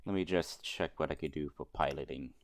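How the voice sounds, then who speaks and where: A man's voice: rumbling low, brisk, dry recording, studio quality. A man playing a tabletop game who talks hesitantly, thinking aloud. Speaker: player. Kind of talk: casual tabletop game chat.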